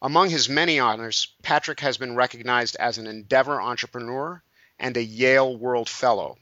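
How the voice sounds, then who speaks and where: A man's voice: mid-range voice, normal speed, sharp tone, no echo, dull audio. A man hosting a podcast interview, reading the guest's introduction and then asking questions. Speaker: podcast host.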